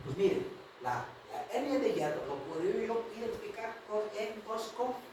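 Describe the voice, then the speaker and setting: A man's voice: sits high, very animated, moderate pace, a little mellow. A man giving a medical lecture to students, who keeps checking in with his class as he talks. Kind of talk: university lecture. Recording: very echoey room, distant mic, noisy.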